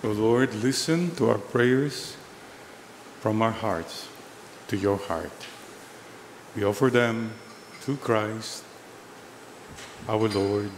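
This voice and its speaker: An older man, a priest praying solemnly at Mass in short, measured phrases. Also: lowish voice, a little hiss or hum, rough recording. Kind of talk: solemn liturgical prayer. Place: indoor chapel altar. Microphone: gooseneck altar microphone.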